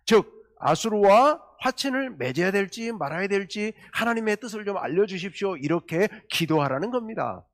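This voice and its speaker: A man delivers a sermon, his fairly high voice rising and falling widely. He puts questions to the congregation and leads them in reading aloud together. He voices quoted lines with growing intensity. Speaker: pastor.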